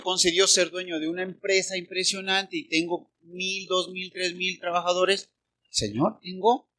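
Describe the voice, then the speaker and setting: Bright, high-voiced Mexican pastor preaching. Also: male voice. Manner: animated preaching with rhetorical questions to the congregation. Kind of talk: sermon.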